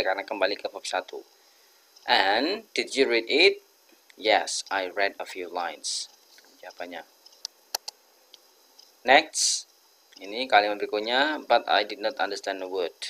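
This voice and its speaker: A man with an Indonesian accent gives an English grammar lesson. He talks slowly and deliberately, with a bright, forceful tone. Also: lowish voice. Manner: slow, deliberate, switches between two languages. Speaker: English teacher.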